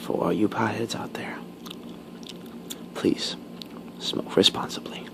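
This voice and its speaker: Slow, whispering man chewing gum, creaky. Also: lowish voice, steady tone. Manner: chewing gum while talking; halting, pausing between short phrases. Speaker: ASMR video creator. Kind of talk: whispered ASMR casual talk.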